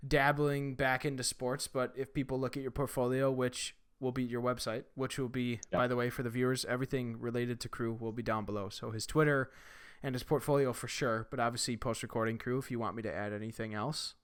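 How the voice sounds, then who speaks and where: Host read: mid-pitched man, chatty and rambling, filler-heavy. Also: flat delivery, brisk, clean tone. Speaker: podcast host. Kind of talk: casual chat.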